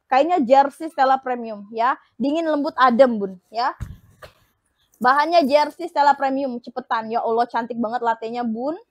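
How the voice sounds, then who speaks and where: A young woman hosting an online shop live stream, pitching a product in upbeat, repetitive patter full of pet names for her viewers. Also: moderate pace, dry recording.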